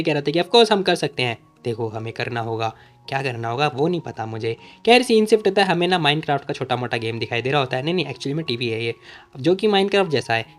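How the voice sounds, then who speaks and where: Man, quick chatty comic recap, fairly high voice, jokey asides, faint music underneath. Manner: chatty, jokey, keeps calling listeners brother. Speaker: manhua recap narrator.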